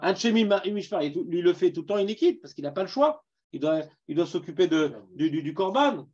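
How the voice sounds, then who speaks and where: A man's voice: high-pitched, expressive, a little fast, a little mellow, muffled recording. A man with a Parisian accent teaching a Talmud class, putting questions to his students and mixing in Hebrew terms. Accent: Parisian French.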